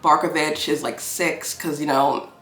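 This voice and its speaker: Film reviewer, casual rambling talk, swears, playfully petty, mid-pitched voice, roomy echoey room. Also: steady tone, a little slow, fairly bright tone.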